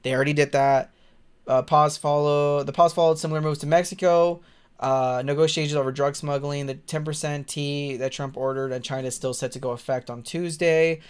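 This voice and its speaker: A man's voice: fairly high pitch, steady tone, a little fast, clear, resonant tone. A man casually reading aloud and commenting on the news as a streamer, rambling, stumbling over words, blunt and exasperated, with swearing.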